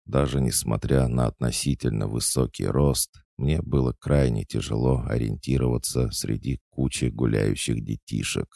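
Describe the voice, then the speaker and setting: A man narrating a fantasy audiobook in a measured storytelling manner. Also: a bass voice, steady tone, gravelly, dark tone, dry recording, studio quality.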